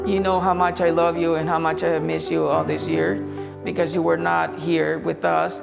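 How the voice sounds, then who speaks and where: A man from Honduras speaks earnestly in a heartfelt video address as a surgeon, his voice rough and gravelly and set a little high. Soft music plays under him, and a long reverb trails his words. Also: moderate pace. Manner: earnest, with fillers. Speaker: orthopedic surgeon.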